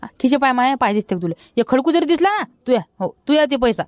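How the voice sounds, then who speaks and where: A man playing a high, quick scolding villager. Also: very animated, no echo, studio quality. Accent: Vidarbha Marathi. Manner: scolding, rapid and loud. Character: fussy broke village man, always scolding. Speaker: villager in comedy sketch. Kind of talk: rustic comedy sketch acting.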